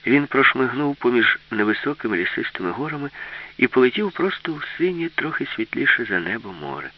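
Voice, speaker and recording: A man narrating a children's science fiction story in an expressive storytelling manner. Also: medium pitch, a little fast, a little hiss or hum. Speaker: audiobook narrator. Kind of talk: scripted narration. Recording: dull lo-fi recording.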